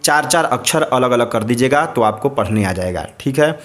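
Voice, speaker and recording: A man teaching a recitation lesson, chanting each word slowly syllable by syllable and repeating it, between spoken explanations. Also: medium pitch, lively intonation, a bit bright.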